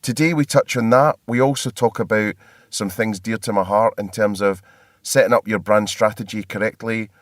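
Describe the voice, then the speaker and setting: A man's voice: lowish voice, steady tone, normal speed, dry recording, studio quality. A man with a Scottish accent hosting a marketing podcast, chatty and self-deprecating, laughing often. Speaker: podcast host. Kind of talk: casual podcast chat. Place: hotel.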